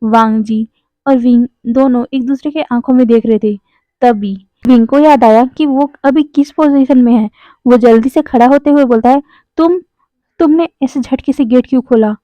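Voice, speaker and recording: A woman's voice: a little high, fairly even intonation, normal speed, dry recording. A woman narrating a fanfiction story, reading out every character's lines and chatting to viewers in between. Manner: chatty, addresses viewers as guys. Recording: dry, thin phone-like sound.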